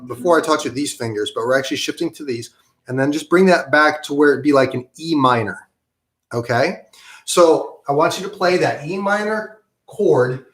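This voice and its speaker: A man's voice: medium pitch, echoey room. A man teaching an online guitar lesson in a casual, encouraging way, with many ums and okays. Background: guitar playing.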